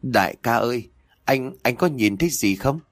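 A man's voice: medium pitch, lively intonation, normal speed, dry recording, clean studio sound, lightly acted. A man voicing a timid young male sidekick who stammers and trembles with fear. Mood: frightened.

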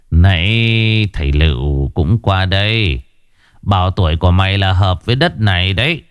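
A man doing a gruff scheming old village chief. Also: deep voice, expressive, unhurried, no room sound, studio quality. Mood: falsely jovial. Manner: commanding, gruff, falsely jovial.

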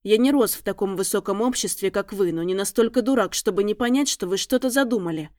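A woman voicing a blunt, teasing male tracker and bodyguard with a husky low voice in an audiobook. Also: fast, a little mellow, no room sound, studio quality, close to an everyday voice. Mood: insistent. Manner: teasing, frank, mocking.

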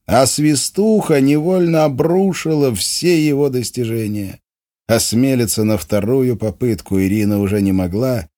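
A man narrating an audiobook in a wry, expressive way. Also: medium pitch.

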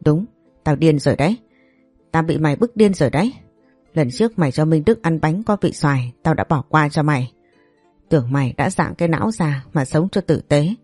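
A woman's voice: deep voice, lively intonation, fairly quick, darkish tone, husky, no echo, faint music behind. A woman voicing a fierce, protective young mother in a storybook, cursing in rage. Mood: furious. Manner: fierce and cursing, then cold.

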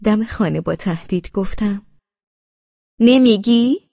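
A woman narrating a novel in the first person, with expressive storytelling. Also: sits low, breathy edge, no echo, dull audio. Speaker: audiobook narrator.

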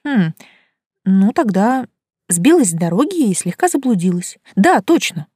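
Jumpy young heroine, anxious and pleading, pitched up from the reader's own voice, voiced by a woman. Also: very animated, measured pace, darkish tone, breathy edge, no echo, studio quality. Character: nervous, stubborn young heroine.

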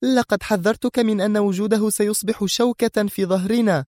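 Man doing a shrill, furious villainess. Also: level tone, a little fast, no echo, clean studio sound. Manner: shrill, shouting in outrage. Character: furious woman leading a criminal organization.

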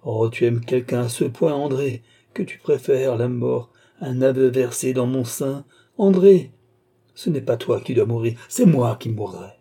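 A man's voice: medium pitch, fairly even intonation, moderate pace, few pauses, mellow, breathy edge. A man voicing a furious, honor-bound young nobleman in a classic novel read aloud, declaiming his accusations and pleas. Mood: despairing. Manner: declamatory, wrathful then imploring.

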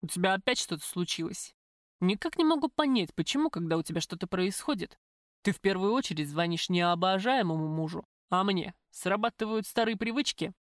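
Woman doing a calm, mocking older crime boss. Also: mid-range voice, a little fast, no room sound, studio quality, close to an everyday voice.

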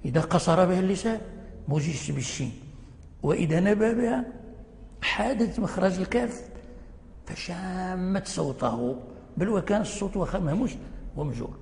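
Gravelly male Quran teacher, echoey hall. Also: high-pitched, animated, darkish tone. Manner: chants example words slowly, explains in plain speech. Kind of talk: lecture on Quran recitation rules.

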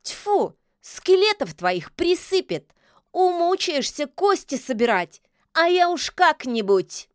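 Audiobook witch: sharp-tongued and defiant, high and lively, voiced by a woman. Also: measured pace, no echo, clean studio sound. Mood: scolding. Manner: snappy, defiant. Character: sharp-tongued stubborn fairy-tale witch, feisty. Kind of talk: audiobook character voice.

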